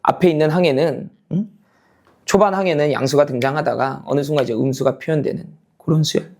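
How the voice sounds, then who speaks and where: A man teaches a math lesson, going step by step, repeating key points and often checking that the class is keeping up while moving between casual and polite speech. His voice is slightly high, slightly fast and slightly mellow, with some vocal fry.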